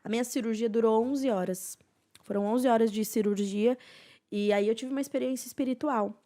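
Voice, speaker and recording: A young woman recounts her personal story as a podcast guest. Her voice sits a little high, and her telling is earnest and emotional. She often softens into hushed passages. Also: fairly even intonation, a little fast. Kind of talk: personal testimony in a podcast interview.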